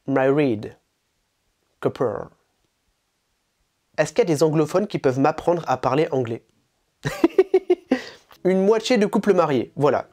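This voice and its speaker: A woman hosting a manga channel, chatting casually and enthusiastically through an unboxing. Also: on the low side. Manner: animated, chatty and enthusiastic, with laughs.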